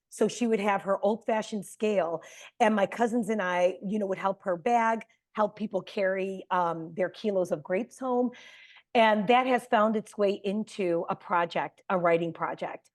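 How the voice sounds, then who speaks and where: Woman, mid pitch, fond reminiscing story. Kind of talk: reflective personal account.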